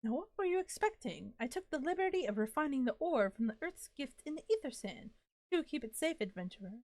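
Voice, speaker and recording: A woman's voice: sits high, sing-song, brisk, darkish tone, dry recording. A woman reading as a grandiose disembodied voice. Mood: courtly. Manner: ornate, theatrical old-fashioned phrasing. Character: grandiose mysterious disembodied voice, courtly. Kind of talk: reading game dialogue aloud.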